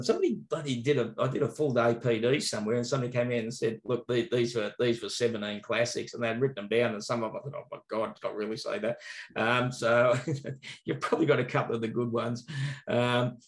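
A man's voice: mid-range voice, a little fast. An Australian man, a teacher, telling casual anecdotes in an interview, laughing often and swearing freely. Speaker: teacher and maths trainer. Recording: roomy echo.

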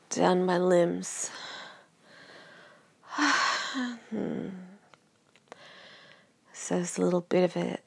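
A woman in a meandering, casual personal chat, low-key and sighing, often trailing toward a whisper, lying down with the mic on her chest. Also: creaky, breathy edge. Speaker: host of a personal audio diary. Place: bedroom, lying on a bed. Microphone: phone resting on the chest.

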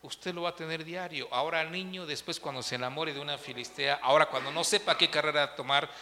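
A man preaching a sermon as pastor, animated, swinging between loud and soft. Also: a little high, fast talker, in a large hall.

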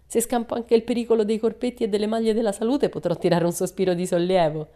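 Woman doing a cheeky high little girl. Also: steady tone, fast, dark tone, lightly acted. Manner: bold, chirpy, matter-of-fact. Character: cheeky, boastful, quick-witted little girl. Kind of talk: storybook reading.

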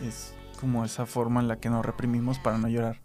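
A Mexican man hosts a podcast in a casual, chatty way, with a mid-range voice. He grows animated when he retells what others said. Faint background music sits under his voice in the booth. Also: mid-range voice, quick pace. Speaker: podcast host. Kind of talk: casual chat.

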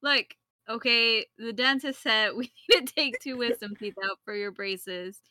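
Easygoing woman, bright voice. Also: on the high side, unhurried, no room sound. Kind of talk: casual chat.

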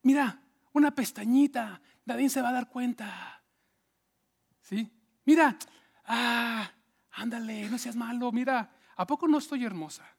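A man voicing a scheming, seductive rich woman, coaxing and teasing in breathy whispers. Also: very high voice, measured pace, long pauses, exaggerated voice.

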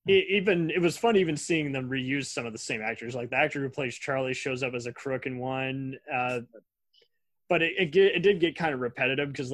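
Man, podcast host, casual chat, relaxed, chatty, mid pitch, dry recording. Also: no echo.

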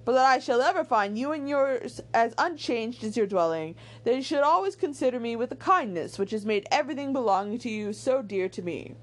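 A woman's voice: on the high side, pitched above the performer's own voice, lightly acted. Woman reading an ardent young suitor. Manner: warm, pleading.

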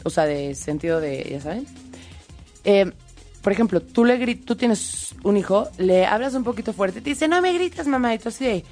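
A woman hosts a relaxed talk, her voice mid-pitched. She is chatty and playful and keeps the questions coming. Soft music plays underneath. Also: normal speed. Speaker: host. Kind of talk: casual chat.

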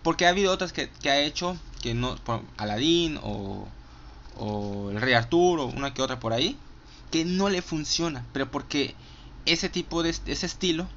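Casting: Mexican man, casual movie reviewer, crisp bright tone, swears freely, dull lo-fi mic. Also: fairly high pitch, lively intonation, normal speed, slight background noise. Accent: Mexican Spanish. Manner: profane, enthusiastic, many fillers. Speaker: film reviewer. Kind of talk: casual movie countdown monologue.

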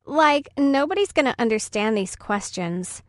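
A woman's voice: on the high side, lively intonation, measured pace, dry recording, clean studio sound. A woman voicing a snide schoolgirl bully who drawls "like" through her taunts. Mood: sneering. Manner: drawling, sneering "like" talk.

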